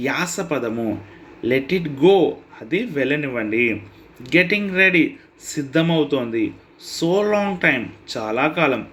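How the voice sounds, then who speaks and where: A man teaching spoken English. He reads each phrase, then its meaning, and reads the promotions quickly. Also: on the high side, a bit bright. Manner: quick plain reading of channel promotions. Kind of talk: English phrase drill with Telugu translations.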